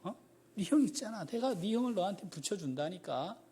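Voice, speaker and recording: A man voicing God speaking calmly and reassuringly in plain everyday talk, inside a sermon. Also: sits high, fairly quick, husky, pitched above the performer's own voice, exaggerated voice. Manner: quiet, calm, colloquial reassurance. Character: God, calm and reassuring to Moses.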